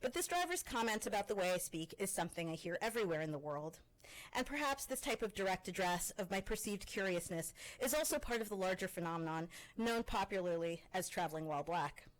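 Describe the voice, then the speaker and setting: A Canadian-born woman who presents as a faculty member reads her personal essay aloud in a medium-pitched voice. Her reading is measured and expressive with pointed pauses, and the recording is rough.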